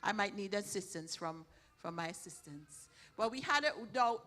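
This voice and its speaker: A woman's voice: medium pitch, lively intonation, moderate pace, fairly bright tone. A woman leading church announcements, thanking helpers in a chatty way with many restarts. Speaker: church program leader. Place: church hall.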